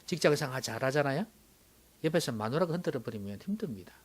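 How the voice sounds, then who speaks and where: A male pastor preaching a sermon, swinging dramatically from loud exclamations to hushed whispers. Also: medium pitch, animated, quick pace.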